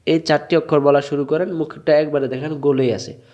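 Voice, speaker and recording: A man from Bangladesh teaching a Quran recitation lesson. He goes slowly and repeats letters over and over so learners can say them back. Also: fairly high pitch, fairly even intonation, darkish tone, dull audio. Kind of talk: slow classroom tajweed lesson.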